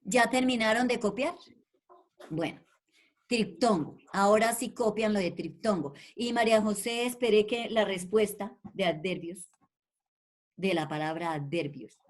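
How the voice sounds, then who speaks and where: A woman's voice: medium pitch, unhurried. A woman teaching an online primary school language class, patiently calling pupils by name and repeating her questions in an affectionate way. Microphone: video call.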